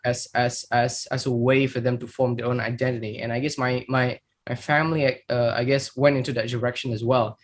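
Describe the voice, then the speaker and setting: Here a startup founder in his thirties from Indonesia recounts his personal story on a podcast. He has a mid-range voice with a flat delivery, speaks fairly quickly and hardly pauses. His Indonesian-accented speech is reflective and full of fillers and repetitions.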